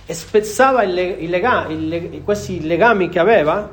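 High-voiced man preaching a sermon. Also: normal speed. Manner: earnest, repeats phrases for emphasis.

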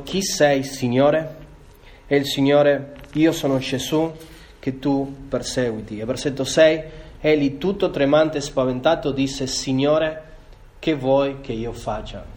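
A man's voice: on the high side, darkish tone. A man preaching a sermon, reading scripture aloud and asking and answering his own questions to the congregation. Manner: addresses listeners directly, asks and answers own questions; reads scripture aloud between comments.

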